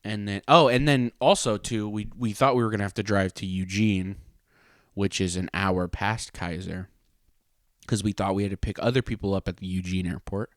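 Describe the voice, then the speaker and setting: A man's voice: lowish voice, fairly even intonation, normal speed, no room sound, clean studio sound. A man telling a personal story in a casual, comedic podcast style, profane and exaggerating. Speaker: podcast host and pro wrestler.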